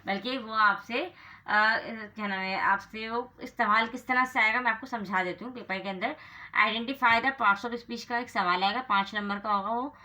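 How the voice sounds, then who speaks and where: Bright-voiced woman teaching grammar. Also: fairly high pitch, normal speed. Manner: asks rhetorical questions and answers them herself; mixes English terms into explanations. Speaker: English teacher. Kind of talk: classroom lecture.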